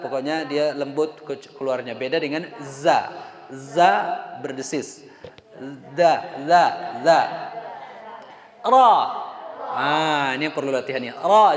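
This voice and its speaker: A man teaching Quran letter pronunciation in a live class, drilling sounds aloud and joking with his students. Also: fairly high pitch. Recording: echoey room, crowd behind. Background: students in the room.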